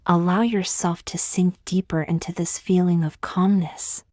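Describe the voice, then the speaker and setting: Soft and breathy, occasionally close to a whisper, a woman with a slightly low voice reads a scripted beginner meditation with fairly even intonation. Her delivery is gentle and soothing, broken by long pauses. The recording is dry and free of room echo.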